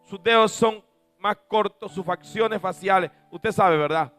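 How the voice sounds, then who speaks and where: A man preaching a sermon and telling stories from the pulpit, swinging from booming shouts to soft asides. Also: measured pace, faint music behind. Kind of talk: sermon with storytelling.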